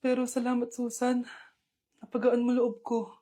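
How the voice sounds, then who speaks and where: Woman doing a worn-out single dad, lowered voice, heavy and downcast. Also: completely flat delivery, normal speed, dark tone, close to an everyday voice. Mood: weary. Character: weary struggling single father.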